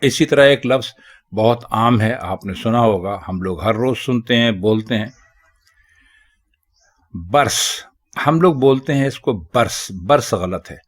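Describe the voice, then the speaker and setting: A man teaching Urdu, explaining correct spelling and pronunciation of common words in a measured, deliberate way. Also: mid-range voice, expressive.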